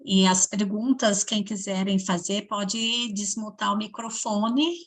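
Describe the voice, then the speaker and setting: Slow, gentle woman hosting an online session. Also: mid-range voice, fairly even intonation. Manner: grateful, gentle. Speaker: event host. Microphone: video call.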